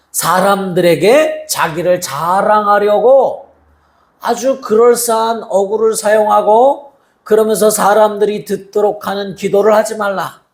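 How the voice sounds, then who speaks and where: A soft-spoken male pastor delivering a sermon, telling the story vividly and acting out the voices of the people in it. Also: high voice, echoey room. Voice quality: soft-spoken, by his own account.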